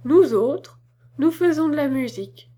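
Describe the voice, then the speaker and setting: A woman reading a tale and voicing a bold, joyful young man of about twenty who talks loudly and exuberantly. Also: high-pitched, lively intonation, unhurried. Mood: boastful. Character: bold joyful young wandering musician lad.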